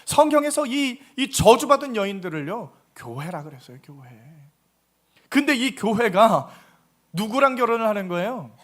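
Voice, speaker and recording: Very high-voiced male pastor preaching. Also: sing-song, normal speed, a bit bright. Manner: emphatic, asks the congregation repeated rhetorical questions. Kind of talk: sermon.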